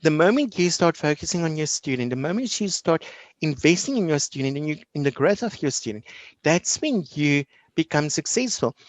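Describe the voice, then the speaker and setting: A man's voice: fairly high pitch, moderate pace, no echo. A man, an online English teacher, chatting as an interview guest and acting out classroom exchanges with lots of energy. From South Africa. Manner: energetic, animated storyteller acting out classroom dialogue. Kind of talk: casual interview chat.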